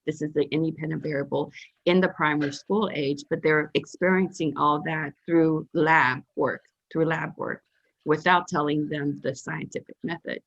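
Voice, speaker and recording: Taiwanese woman hosting a video call chat, lowish voice, muffled lo-fi sound, lots of ums. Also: fairly even intonation, normal speed. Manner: rambling, many fillers and restarts. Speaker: host. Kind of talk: casual video-call interview. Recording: dull lo-fi call audio.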